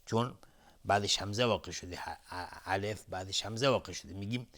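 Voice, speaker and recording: A man's voice: lowish voice, fairly bright tone. A man teaching Quran recitation rules on television, explaining methodically and repeating sounds as drills. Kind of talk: tajweed lesson explanation. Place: television studio.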